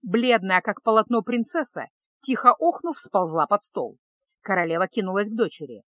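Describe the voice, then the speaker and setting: Woman reading a fantasy audiobook, even pace, dry close sound. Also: medium pitch, moderate pace, dry recording. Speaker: audiobook narrator. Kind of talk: scripted narration.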